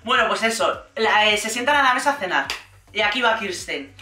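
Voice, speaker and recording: Recorded far from the mic with a reverberant sound, a woman talks a little fast in a mid-range voice. She casually and sarcastically comments on a reality show, acting out the people she quotes with mimicked voices.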